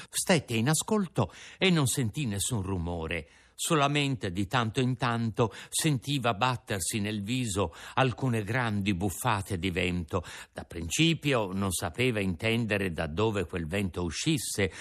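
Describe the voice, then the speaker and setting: A man narrating a classic storybook aloud, reading it in a lively way. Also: mid-range voice. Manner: lively reading with voiced character lines.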